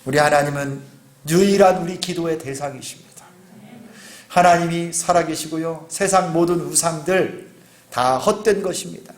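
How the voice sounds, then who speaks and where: A man's voice: a little high, moderate pace. A male pastor preaching a sermon in a church, talking earnestly and rising to fervent exhortation. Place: church sanctuary. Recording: echoey church room.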